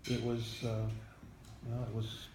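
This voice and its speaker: An older American man, a veteran in an interview, remembering his army days in a halting, plain-spoken way. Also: lowish voice, monotone. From United States. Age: 70s or older. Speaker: Vietnam-era army veteran being interviewed. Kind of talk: veteran interview, recalling memories. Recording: echoey room, faint background noise.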